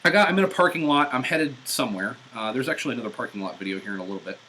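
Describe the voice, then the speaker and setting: A man on a live-stream driving rant, swearing and exasperated, his pitch leaping around animatedly. His voice is bright and forceful. He records on a portable device's built-in mic in a car, with faint hiss underneath. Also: expressive, very fast, poor audio. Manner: profane, exasperated ranting. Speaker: vlogger.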